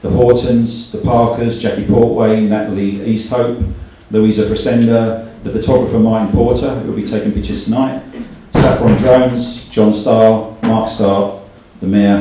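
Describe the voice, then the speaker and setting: This middle-aged man, host of the event and a company director, reads out names during a thank-you speech in a hall. His fairly low, dark voice has fairly even intonation and a moderate pace. There's slight background noise, heavy echo, and distance from the microphone.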